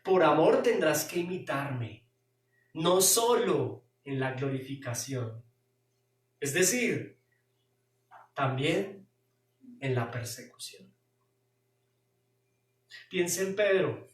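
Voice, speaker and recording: A man's voice: a little high, expressive, slow, long pauses. A male pastor preaching expressively, asking many rhetorical questions. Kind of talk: sermon. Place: church sanctuary. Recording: roomy hall, distant mic.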